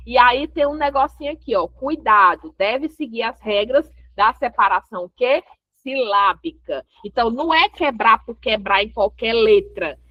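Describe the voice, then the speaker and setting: A woman speaking in a fairly high voice walks an online class through essay writing step by step, posing questions and answering them herself, with a Brazilian Portuguese accent. The recording is dull, dry and lo-fi, with no room sound.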